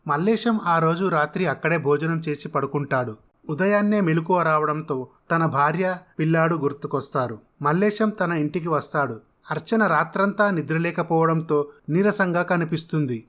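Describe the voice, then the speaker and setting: A man with a slightly high voice tells a family tale in a steady, even manner. He narrates scene after scene as a storyteller. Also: moderate pace.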